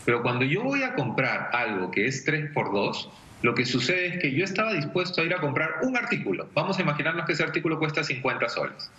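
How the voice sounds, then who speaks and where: On a TV segment, a forty-something personal finance expert with a Peruvian accent teaches conversationally via video call from home, illustrating points with everyday examples. His voice is a little high and sing-song, slightly fast and sharp in tone. The call audio sounds dull and echoey, with a little hiss or hum.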